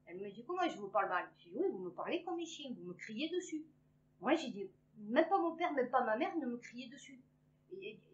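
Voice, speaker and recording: A woman in her fifties reads news headlines and comments on them in a rambling, sarcastic way, with many fillers. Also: high voice. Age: 50s. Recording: dull lo-fi recording.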